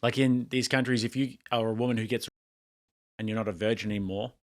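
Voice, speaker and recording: A man's voice: medium pitch, fairly even intonation, fast talker. An Australian man hosting a casual reaction commentary, blunt and mocking, laughing at what he watches. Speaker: commentary channel host.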